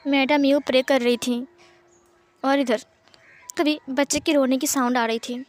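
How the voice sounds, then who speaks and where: A woman reading fan fiction aloud as a storyteller in a plain, steady manner. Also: high-pitched, a little slow.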